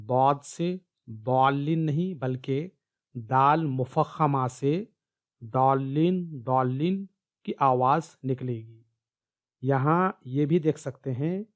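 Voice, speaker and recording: Calm man teaching Quran pronunciation. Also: mid-range voice. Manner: slow, careful, repeats key sounds. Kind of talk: explaining slides in a recorded lesson.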